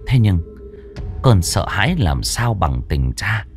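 A man narrating a village horror story in a dramatic reading style, slowing down for suspense. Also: sits low, big pitch swings, faint music behind. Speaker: audiobook narrator.

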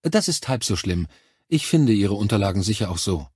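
A man with a husky voice voicing a young female nurse who speaks with cold, falsely cheerful professional politeness. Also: on the low side, big pitch swings, moderate pace, a little mellow, no room sound, studio quality, full character voice. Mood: brisk. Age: 20s.

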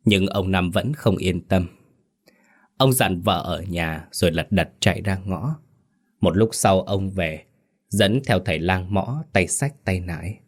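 A man reading a ghost story aloud as the storyteller, steady and unhurried. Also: sits low.

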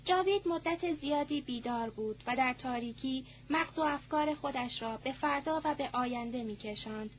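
A woman narrating a novel in a measured, even reading, on a muffled recording with a faint hum. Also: high-pitched. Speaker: audiobook narrator. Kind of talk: scripted narration.

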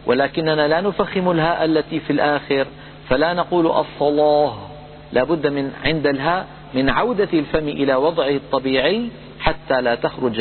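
A man teaching Quran recitation rules, patiently repeating points and slowly chanting example words. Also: on the high side. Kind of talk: lesson on tajweed rules. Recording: phone-like audio with hum and reverb.

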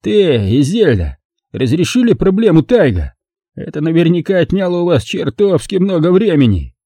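A man's voice: a little high, big pitch swings, moderate pace, dark tone, husky, no echo, pitched above the performer's own voice, full character voice. A male audiobook reader voicing a drunk, bitter man who slurs and sneers sarcastically. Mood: sneering. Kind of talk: audiobook character voice.

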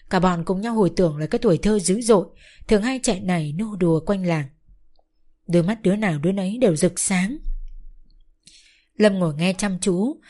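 A woman narrating a story in a measured, often slow and solemn storytelling voice. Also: on the low side, a little mellow.

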